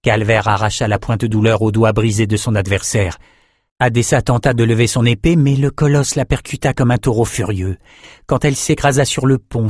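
A man narrating a fantasy audiobook in a steady, measured reading. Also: mid-range voice, no room sound, clean studio sound.

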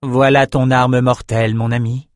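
A man's voice: medium pitch, level tone, normal speed, dry recording, studio quality, close to an everyday voice. A man voicing a bold, cold-blooded woman battle magician who gives curt orders in an audiobook. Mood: commanding. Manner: curt and commanding.

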